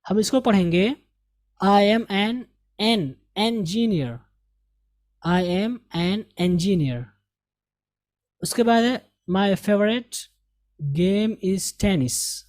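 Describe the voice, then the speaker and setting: Male teacher from India; slow, measured delivery; repeats model sentences for pronunciation practice. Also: sits high, a little mellow. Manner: repeats example sentences slowly and carefully, correcting pronunciation. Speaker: English teacher. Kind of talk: recorded language lesson.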